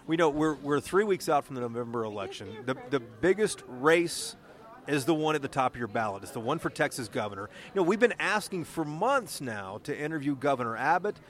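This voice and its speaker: A man's voice: mid-range voice, lively intonation, brisk, fairly bright tone. A man with an American accent, a podcast host and political reporter who speaks conversationally as he narrates and interviews.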